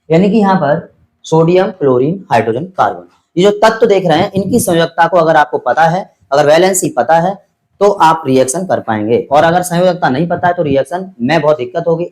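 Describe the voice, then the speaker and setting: A patient male chemistry teacher explaining step by step, with a voice of ordinary pitch for a man. He repeats each point, spells out formulas slowly, and keeps asking his students whether they have understood. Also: low-quality recording. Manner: patient and repetitive, calls students "beta" and checks their understanding. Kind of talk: classroom lesson explanation.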